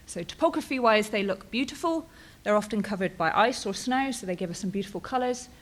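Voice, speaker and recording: Speaking a little fast with a mid-range voice and lively intonation, a woman from Bristol, England, in her thirties, walks a conference audience through her research. She keeps it casual, often saying "um" and tagging sentences with "right?" in her British accent.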